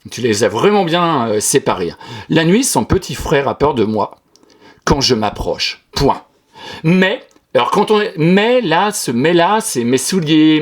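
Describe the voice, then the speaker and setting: A man teaching a class, correcting a pupil's written text line by line in an encouraging, sing-song way. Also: on the high side. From France. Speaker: primary school teacher.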